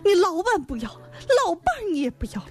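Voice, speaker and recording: A woman's voice: extremely high pitch, sing-song, normal speed, darkish tone. A woman co-hosting a radio show, bantering in a pert, colloquial way. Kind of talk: bantering co-host chat. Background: music.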